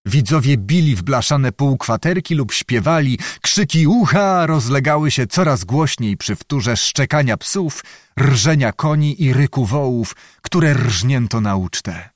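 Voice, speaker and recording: A man's voice: mid-range voice, no room sound. Man reading with a dry, close sound. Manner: steady, measured, descriptive reading. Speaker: audiobook narrator. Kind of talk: scripted literary narration.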